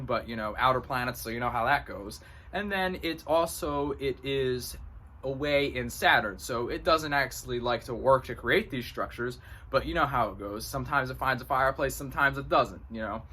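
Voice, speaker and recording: A man's voice: medium pitch, bright, forceful tone, a little hiss or hum. A man hosting an astrology video, explaining casually to camera in a rambling, slangy and profane way, recorded in a room at home. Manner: rambling, slangy and profane, full of "you know". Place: his own room at home.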